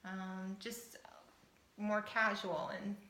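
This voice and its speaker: In an echoey room, a woman of fifty from Southern Ohio talks to camera very slowly, her mid-range voice pushed and bright with little pitch movement. As a house-hunting show applicant, she keeps the interview-style chat casual and informal, like an audition introduction.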